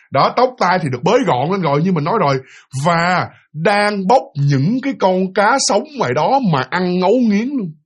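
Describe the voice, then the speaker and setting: Husky, fairly high man telling a ghost tale vividly to his listeners. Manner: lively, vivid, speaks directly to listeners. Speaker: storyteller. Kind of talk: casual spoken ghost story.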